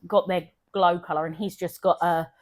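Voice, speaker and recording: A woman with a fairly low voice co-hosts a film podcast, chatting casually and eagerly. She speaks, often trailing off mid-thought and starting over. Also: level tone, normal speed. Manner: chatty, enthusiastic, trails off and restarts. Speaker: podcast co-host. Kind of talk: casual chat.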